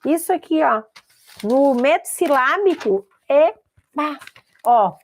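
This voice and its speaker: A woman with a slightly higher voice gives a lesson on teaching children to read. She talks emphatically and asks rhetorical questions. She slows down to sound out letters and syllables one by one. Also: expressive. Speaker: special education teacher. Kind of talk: explanatory online lesson.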